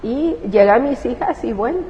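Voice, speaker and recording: A woman's voice: fairly high pitch, expressive, moderate pace, dark tone. Emotional Salvadoran woman pastor, roomy sound. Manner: emotional storyteller who acts out her own past words. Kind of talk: telling her life testimony in an interview. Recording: roomy, dull recording with faint hiss.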